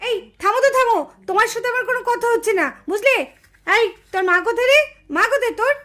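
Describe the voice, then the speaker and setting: A woman puts on a quarrelsome village mother with a piercing, very high voice, always ready to pick a fight. She scolds and complains loudly, her words sharp and insistent. It is pure doll-show drama. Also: fast. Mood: furious. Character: shrill quarrelsome village mother, easily enraged.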